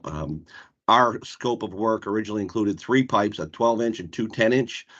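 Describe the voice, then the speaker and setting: Deep-voiced man over a video call. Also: muffled recording. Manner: casual, with frequent fillers. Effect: heard over a video call. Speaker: project presenter. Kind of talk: presenting a project in a work meeting.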